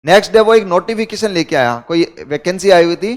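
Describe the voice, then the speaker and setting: A man's voice: sits high, lively intonation, fairly quick. An Indian man teaching a class, explaining rules and firing rhetorical questions at his students. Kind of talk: classroom lecture.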